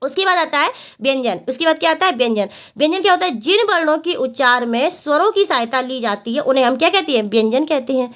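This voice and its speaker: With lively intonation, a woman whose voice sits high and a bit bright teaches a Hindi lesson for exam prep. She answers her own questions to the class, repeats each point, draws out vowels as demonstrations, and frequently calls the students "beta".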